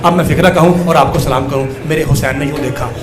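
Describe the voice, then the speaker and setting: A man preaching a mourning sermon to a congregation, impassioned and rising into wailing lament. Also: on the high side. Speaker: Shia majlis orator. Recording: echoey hall with crowd. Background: crowd weeping.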